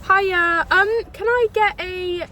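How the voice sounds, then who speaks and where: A woman's voice: very high voice, slow pace, bright, forceful tone, a little hiss or hum. A young woman ordering food at a drive-through from her car, polite and hesitant, with lots of ums and uhs. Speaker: vlogger.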